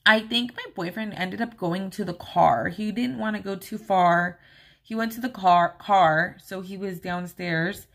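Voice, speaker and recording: Woman vlog host at a medium pitch, chatty and emotionally open, filler-heavy storyteller. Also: measured pace, gravelly, a bit bright. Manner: chatty, rambling, many "like" and "um" fillers; open and emotional when recalling events. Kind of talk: casual personal storytelling.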